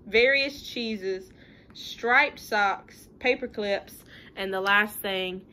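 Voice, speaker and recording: Speaking extremely slowly, with a sharp tone and medium pitch, a woman in her thirties does an animated, sing-song read-aloud of a picture book for children. She makes chatty, casual asides that explain things simply, recorded at home in her living room with light room noise.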